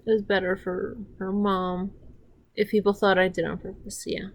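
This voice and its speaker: A woman reaction commentator rambles casually through a show in a watch-along, recapping scenes with restarts and getting heated and swearing when annoyed. Her medium-pitched voice moves little in pitch, at normal speed.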